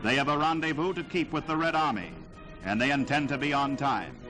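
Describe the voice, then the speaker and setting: A man's voice from an old newsreel soundtrack, narrating wartime footage in a dramatic, declamatory 1940s style. His voice sits fairly high. A loud music score runs underneath him. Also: a little fast.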